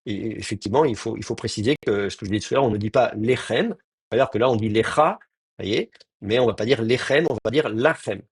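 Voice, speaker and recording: A man's voice: fairly low pitch, quick pace, husky, dry recording. A man teaching an advanced class, explaining step by step with many hesitations and fillers. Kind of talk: online class lecture.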